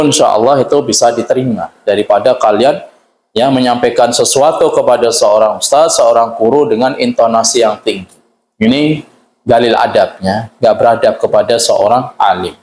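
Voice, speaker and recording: A man's voice: medium pitch, darkish tone. Man lecturing in an echoey room. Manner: explains patiently, with frequent tag "ya" and Arabic phrases. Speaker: ustadz teaching a religious text. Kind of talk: Islamic study lecture.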